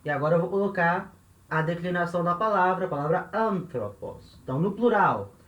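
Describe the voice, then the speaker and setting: His voice sits high and a bit bright as this Brazilian Portuguese-accented man teaches grammar at a board, animated and fairly quick. Still patient, he repeats key ideas and checks in with his audience. The recording echoes around the room and has its highs cut off.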